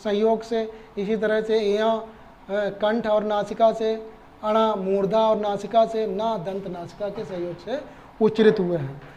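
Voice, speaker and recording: ऊँची आवाज़ वाला धैर्यवान शिक्षक पुरुष. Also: male voice, sits high, flat delivery, a little slow, warm tone, muffled recording, a little hiss or hum. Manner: patient, repeats points and asks rhetorical questions. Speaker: Sanskrit teacher. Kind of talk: explaining lesson.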